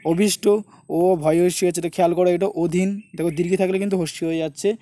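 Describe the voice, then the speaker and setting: Male exam tutor, West Bengal Bengali accent, high, soft-toned voice, slows down to drill each word split. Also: flat delivery, dry recording. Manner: repetitive coaching, keeps saying look and notice. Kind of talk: online lesson with screen walkthrough.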